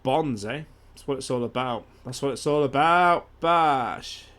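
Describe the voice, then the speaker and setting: A man's voice: medium pitch, measured pace, fairly bright tone. A young man streaming a game, chatting casually and animatedly, swearing freely. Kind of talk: casual gaming chat.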